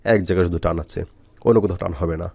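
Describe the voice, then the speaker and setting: A man teaching Quran reading, spelling out letters and syllables slowly with frequent pauses. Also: low-pitched, creaky, darkish tone, no echo. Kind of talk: step-by-step spelling lesson.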